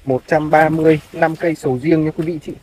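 A fast-talking man with a fairly high, darkish voice and fairly even intonation narrates a farmland walk-through as a real estate agent, speaking politely to viewers. He films outdoors on a handheld phone, and the rough recording carries clearly audible background noise.

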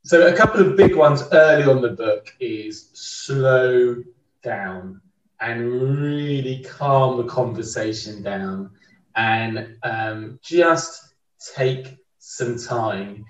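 A man's voice: medium pitch, expressive, slow pace. A man as a podcast guest, talking through a book in a thoughtful, casual way with frequent restarts. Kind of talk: casual conversational book discussion. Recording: roomy, distant, dull remote mic.

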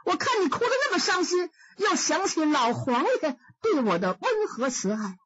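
A woman's voice: very high voice, sing-song, moderate pace, a bit bright, muffled recording, a little hiss or hum, voice pushed up, exaggerated voice. A woman voicing a crafty teenage boy posing as a eunuch in a storytelling performance, whiny and wheedling with fake sobs. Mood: sobbing, wheedling.

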